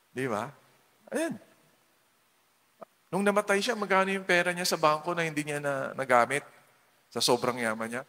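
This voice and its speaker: A Filipino man with a Filipino accent, a parish priest giving a playful, animated homily in a large church. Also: on the high side. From Philippines. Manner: animated, playful, acts out quotes. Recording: long reverb of a church hall.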